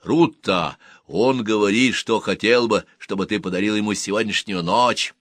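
A man's voice: fairly low pitch, normal speed, fairly bright tone, no room sound, clean studio sound. A man reading an audiobook, voicing a brash, joking young man who teases his friend. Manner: joking, pushy. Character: brash, mocking young man, a carefree rogue.

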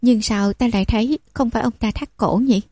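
A woman voicing a cool, sharp young noblewoman who speaks with calm command. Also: a little high, a little fast, dry recording, close to an everyday voice.

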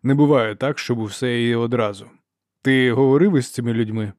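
A man's voice: mid-range voice, fairly quick, darkish tone, dry recording, close to an everyday voice. A man voicing a stern old male churchman who speaks in dry, clipped questions. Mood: cold, impatient. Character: old stern male archlector, cold and imperious.

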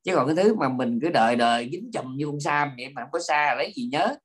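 Monk, lively informal talk. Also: male voice, fairly high pitch, fast, husky. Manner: lively storytelling with frequent fillers and repetitions. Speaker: Buddhist monk teaching.

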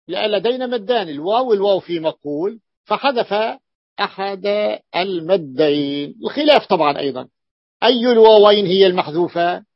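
A man's voice: high-pitched, no echo. Levantine man teaching, repeats words, dull dry recording. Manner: repeats key words slowly, thinks aloud with fillers. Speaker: sheikh teaching Arabic morphology. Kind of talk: classroom lesson explaining a text.

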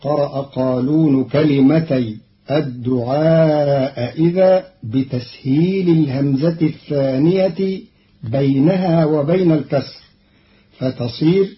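Slow, formal male radio announcer. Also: on the high side. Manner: measured, formal, precise diction. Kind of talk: formal explanation of recitation readings. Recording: muffled old radio broadcast.

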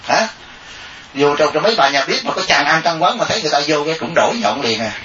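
A monk giving a dharma talk, animated and joking, often mimicking laypeople. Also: male voice, a little high, fast talker, a little hiss or hum. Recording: distant echoey lo-fi recording.

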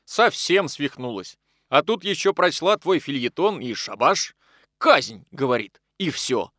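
Man putting on big boisterous buddy, way higher and louder than the narrator, bouncy delivery. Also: expressive, dry recording, clean studio sound. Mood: gossipy. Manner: exclaiming, boisterous, fast-shifting. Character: boisterous hearty man, loud and mocking. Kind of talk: audiobook character reading.

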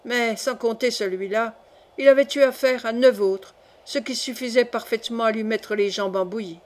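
Lady reading an old novel aloud, expressive, kinda high voice. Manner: measured, expressive storytelling. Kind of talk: audiobook narration of a classic novel.

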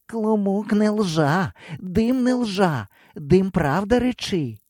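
A man's voice: sits high, animated, slow, darkish tone, dry recording, clean studio sound, pitched above the performer's own voice, full character voice. A man voicing a fearful male steppe shaman who speaks in broken phrases with a plaintive, whining tone. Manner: broken grammar, plaintive wail.

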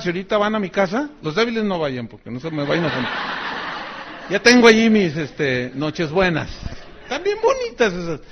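A man's voice: sits high, muffled recording, slight background noise. A middle-aged man with a Mexican accent, preaching a sermon in a chatty, joking way and acting out the people in his stories. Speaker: pastor. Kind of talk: sermon with personal anecdotes.

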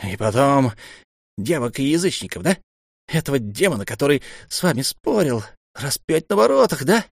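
A man voicing an eager young fanatical acolyte who talks in an excited, breathless way. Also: medium pitch, normal speed, creaky, slightly rough, no room sound, studio quality, voice pushed up, heavily acted. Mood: eager zeal.

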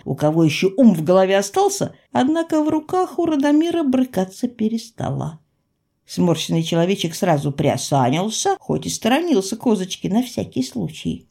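A woman narrating a first-person audiobook in a wry, expressive storytelling manner. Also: medium pitch, vocal fry.

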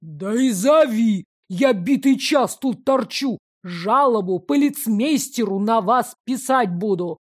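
A woman's voice: on the high side, darkish tone. Woman playing a bellowing furious peasant father. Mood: outraged. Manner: bellowing, slow and indignant. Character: burly angry middle-aged peasant father.

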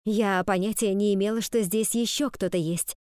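A woman's voice: mid-range voice, steady tone, normal speed, a little mellow, clean tone, dry recording, clean studio sound, close to an everyday voice. A woman reading the part of a tearful dance teacher who pleads anxiously in a raised voice. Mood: pleading.

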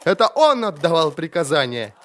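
A man's voice: big pitch swings, moderate pace, slight background noise. A man voicing a terrified middle-aged male silk merchant under interrogation, babbling and repeating himself. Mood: frantic. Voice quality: trembling voice. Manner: shrill, frantic, repeating himself.

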